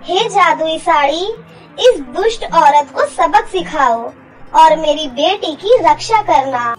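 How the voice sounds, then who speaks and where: A woman's voice: very high-pitched, lively intonation, takes it slowly, soft background music, full character voice. A woman voicing a loving magical mother in a cartoon story, tender but stern. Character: loving ghostly mother, gentle but vengeful.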